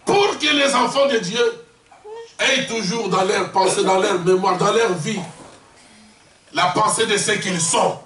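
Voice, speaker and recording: A man from Congo preaching an impassioned sermon in French, shouting and calling out questions to the congregation. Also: high-pitched, a little slow, a little hiss or hum. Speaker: visiting preacher. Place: church hall. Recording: echoey church hall, distant mic, congregation responding. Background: congregation responses.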